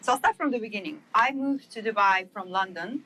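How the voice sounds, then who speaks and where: Woman from Estonia, bright tone, chatty guest who piles on fillers. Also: medium pitch, expressive, brisk, a little hiss or hum, low-quality recording. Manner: eager, rambling, with many fillers. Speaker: guest, wellness entrepreneur. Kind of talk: casual interview storytelling.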